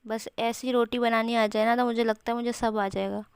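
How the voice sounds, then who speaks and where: Young woman vlogger with a sore throat, smooth, steady voice. Chatty, rambling voice-over, dry close mic. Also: a little high, moderate pace, no room sound. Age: young adult. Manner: chatty, rambling, many fillers. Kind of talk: home cooking vlog voice-over.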